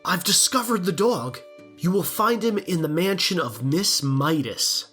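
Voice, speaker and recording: A woman voicing a lovelorn, vain male glass blower in a storybook audio drama, husky and pleading. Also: lowish voice, lively intonation, a little slow, fairly bright tone, soft background music. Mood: confident.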